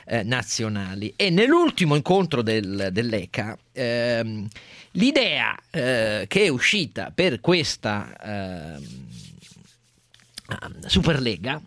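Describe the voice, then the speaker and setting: Male radio host. Off-the-cuff news commentary, halting delivery with punched key words, close dry sound. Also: medium pitch, wildly swooping pitch, fairly bright tone, dry recording.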